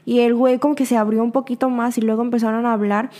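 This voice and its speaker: A young woman with a Mexican accent, hosting a podcast and chatting casually in reply to a listener's voice message. She talks in an animated way, acts out quoted lines and laughs often. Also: on the high side, fast talker. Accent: Mexican Spanish. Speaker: podcast host.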